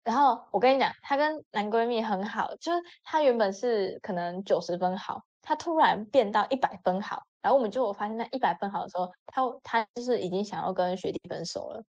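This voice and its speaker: Woman, podcast host, casual storytelling, expressive, mid-pitched voice, dull lo-fi recording. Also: brisk, hardly any pauses. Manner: animated, acts out friends' lines with sudden pitch jumps. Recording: dull lo-fi audio.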